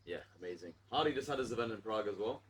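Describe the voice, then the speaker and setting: A man's voice: on the low side, expressive, rapid-fire, slight background noise. A man speaking as a guest on a podcast, fluent and confident as he tells stories. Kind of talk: casual chat.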